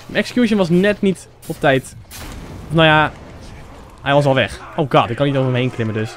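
A young Dutch man giving excitable let's-play commentary, swearing and shouting at the game. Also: fairly high pitch, brisk, a little hiss or hum. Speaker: gaming YouTuber. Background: game music.

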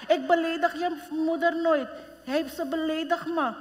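A woman's voice: very high voice, fairly even intonation, moderate pace. A woman playing an indignant young wife. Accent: Surinamese Dutch. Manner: complaining, emphatic. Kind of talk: live stage comedy. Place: large concert hall stage. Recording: long hall reverb, faint noise.

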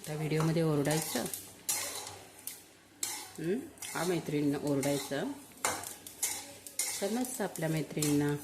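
Soft-spoken low-voiced woman cooking at home. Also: unhurried, long pauses, background noise. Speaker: home cooking channel host. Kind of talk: casual home-cooking vlog talk. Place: home kitchen. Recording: clattering pots and sizzling behind voice.

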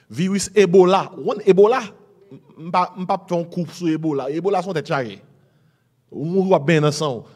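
A middle-aged man with a Haitian Creole accent preaching a sermon, mixing Creole and French, exhorting with "amen" and "hein?". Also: sits high. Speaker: pastor.

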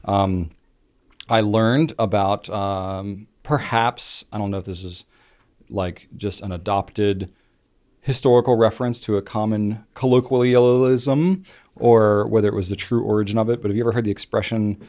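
A young man with a fairly low voice co-hosts a casual podcast. He tells stories with lively energy and acts out his own lines in quoted voices. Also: moderate pace. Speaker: podcast co-host.

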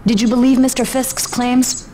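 An actress playing a cool, skeptical interrogator with brisk, pointed questions in a video game. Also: female voice, on the high side, flat delivery, dark tone, slight background noise, close to an everyday voice. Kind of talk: video game cutscene acting.

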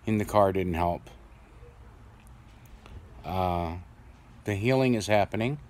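A man's voice: sits low, a little mellow. A middle-aged man speaking through new dentures with an occasional lisp, rambling casually with fillers in a video diary. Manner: plain-spoken, rambling, pausing with fillers. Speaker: vlogger.

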